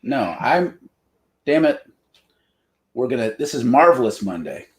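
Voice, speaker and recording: A man's voice: mid-range voice, big pitch swings, measured pace. A man hosting a podcast in casual chat, joking and rambling with lots of filler words. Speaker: podcast host.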